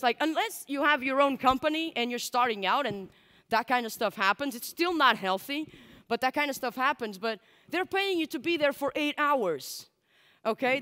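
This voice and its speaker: A woman in her twenties, Portuguese by native tongue, speaks in a fairly high, bright, forceful voice through a headset mic. Her conference talk is candid and chatty, full of likes and asides, delivered from a large dark stage to an audience with long reverb filling the hall.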